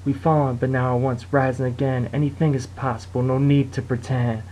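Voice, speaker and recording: A man's voice: mid-range voice, level tone, moderate pace, dark tone, low-quality recording. Young amateur rapper, man, rhythmic rhyming freestyle delivery, mid-range voice. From Detroit area, United States. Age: young adult. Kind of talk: freestyle rap.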